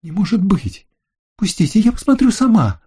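A man putting on a shrill, furious young woman. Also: sing-song, moderate pace, dark tone, breathy edge, heavily acted. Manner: shrill, screaming accusations.

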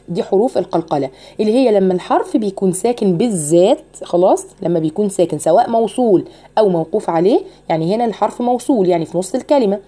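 A woman with an Egyptian accent teaching a recitation lesson, asking her listeners questions and then reciting the words slowly to show each rule. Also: mid-range voice, warm tone. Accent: Egyptian Arabic. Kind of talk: tajweed lesson.

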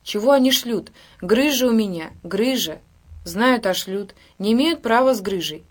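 Woman doing a hoarse, shrieking grumpy man. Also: lively intonation, normal speed. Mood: indignant. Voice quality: hoarse, falsetto yelps. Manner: indignant, scolding.

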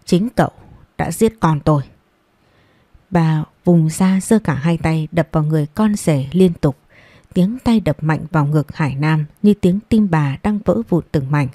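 A woman's voice: low-pitched, normal speed, dark tone, dry recording. A woman reading a romance story aloud as scripted narration, voicing the quoted lines in her own voice. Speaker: audiobook narrator.

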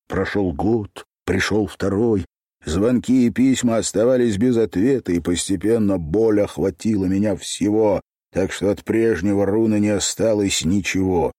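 Man reading as a bitter wounded young guy, low voice, accusing, dry sound. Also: warm tone, no room sound. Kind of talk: audiobook reading.

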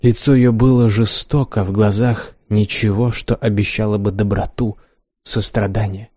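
A man narrates a novel in the first person, reading expressively and with feeling. His voice is mellow and warm, never sharp. The recording is dry and close, with no room sound. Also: fairly low pitch, fairly even intonation, moderate pace, no echo. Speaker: audiobook narrator.

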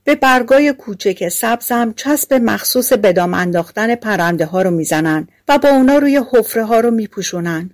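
A woman voicing eager young sparrow chicks, a little higher and brighter than her narration. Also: lively intonation, hardly any pauses.

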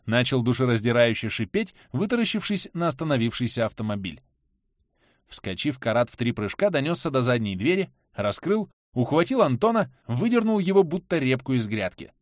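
Man, audiobook narrator, animated dramatic reading, dry close sound. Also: medium pitch, brisk, no room sound. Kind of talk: scripted narration.

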